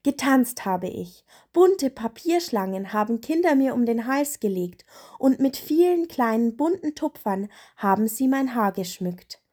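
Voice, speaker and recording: A woman voicing a cheerful little male winter spirit in a storybook, speaking in an excited, sing-song way. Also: on the high side, unhurried, hardly any pauses. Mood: earnest.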